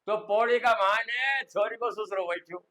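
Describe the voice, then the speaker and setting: A man from Rajasthan with a Rajasthani accent, telling a comic village folk tale in a lively, conversational way. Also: high-pitched, moderate pace. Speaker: folk storyteller.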